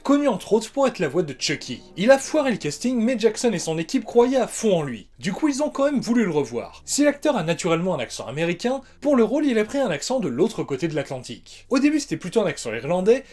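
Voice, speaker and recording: A man's voice: high voice, sing-song, a little fast, hardly any pauses, darkish tone. A man with a French accent narrating a casual, scripted film documentary, dropping wry, sarcastic asides.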